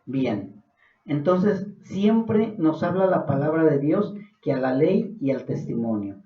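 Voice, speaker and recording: With lively intonation and a fairly high pitch, this Mexican-accented preacher speaks slowly through his earnest Bible study sermon, rising to fervent emphasis. The sound is distant, dull and echoey.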